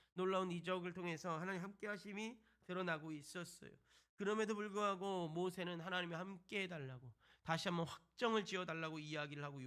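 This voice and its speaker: A man's voice: high voice, fairly bright tone. A man, a pastor, preaching a sermon to a youth service, asking the congregation rhetorical questions and retelling scripture. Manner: retells scripture with acted quotes.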